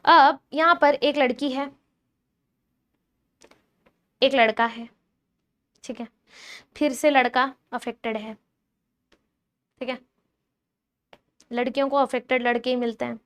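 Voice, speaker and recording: A woman biology teacher giving a chatty, animated lecture, teasing and quizzing her students directly. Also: sits high, measured pace, long pauses.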